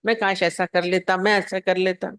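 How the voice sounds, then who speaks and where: A woman's voice: fairly low pitch, level tone, moderate pace, a bit bright, clean tone, lightly acted. A woman voicing a man in a parable who wails over pearls a wave took away. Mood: regretful. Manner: wailing, full of regret. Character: grieving man who lost his pearls.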